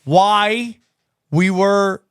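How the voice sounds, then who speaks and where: High-voiced man ranting on a podcast. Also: drawn-out words, clear, resonant tone, no echo, clean studio sound. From Armenian family from Turkey. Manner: animated, ranting, swearing freely. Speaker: podcast host. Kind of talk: casual podcast chat.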